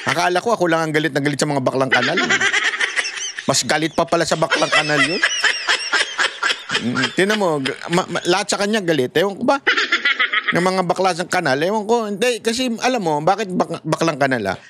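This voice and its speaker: A man's voice: on the high side, animated, fairly quick. A man hosting casual political commentary, laughing often and mocking as he talks. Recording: loud background noise.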